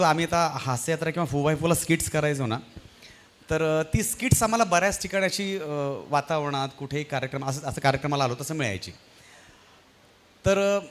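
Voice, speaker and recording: Animated male stand-up comedian on stage. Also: fairly high pitch, slight background noise. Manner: animated, acts out the voices in his stories. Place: stage at a live university event.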